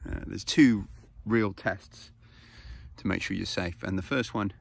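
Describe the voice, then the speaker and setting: On a grassy hill outdoors, a foraging channel host in his thirties records himself on a close-held phone camera, explaining things casually and using fillers. He speaks unhurriedly in a low, slightly rough voice with vocal fry.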